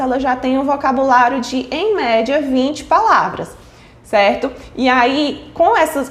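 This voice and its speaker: A woman's voice: fairly high pitch, roomy sound. A woman giving an explanatory online lesson on child speech development, often checking in with her listeners as she goes. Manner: frequent checking fillers like "certo?" and "tá?".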